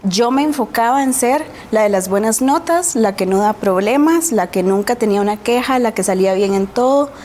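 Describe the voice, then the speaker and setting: A woman's voice: fairly high pitch, lively intonation, normal speed, few pauses, a little mellow, slight background noise. A woman with a Costa Rican accent, a guest on a TV talk show, earnestly telling her own story and often adding a questioning tag. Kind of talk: personal storytelling in a TV interview.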